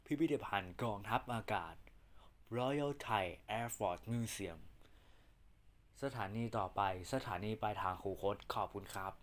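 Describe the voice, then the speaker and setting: Slow, low-voiced train announcement man. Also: lively intonation, fairly bright tone. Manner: formal, measured, evenly spaced phrases. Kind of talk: pre-recorded train station announcement.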